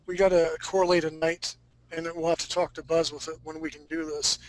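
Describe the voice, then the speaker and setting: A man's voice: a little high, flat delivery, fairly quick, low-quality recording. A man hosting a live online art class in a casual, enthusiastic and joking way. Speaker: class host and instructor.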